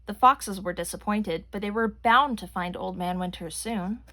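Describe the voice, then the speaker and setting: A woman reading a children's story aloud with gentle, clear storytelling. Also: medium pitch, normal speed. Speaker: reader. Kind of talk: children's read-aloud narration.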